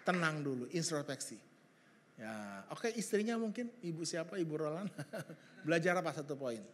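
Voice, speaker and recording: Brief: high-pitched male pastor, animated, church hall reverb. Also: moderate pace, slight background noise. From Indonesia. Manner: lively, jokey, acts out dialogue. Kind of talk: sermon to young families.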